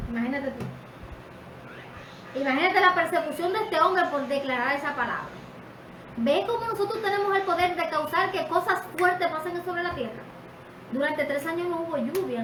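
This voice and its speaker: Calm high-voiced woman teaching. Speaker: co-host. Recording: distant, echoey mic with faint noise.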